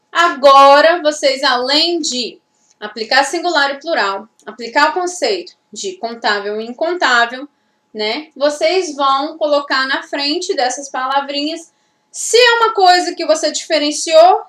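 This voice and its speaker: A woman's voice: high voice, fairly bright tone, far from the mic. A woman English teacher from Brazil giving a step-by-step grammar lesson, often stopping to check that listeners follow. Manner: explains step by step, with frequent checking tags. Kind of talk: classroom-style grammar lesson. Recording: echoey room, voice from off the mic.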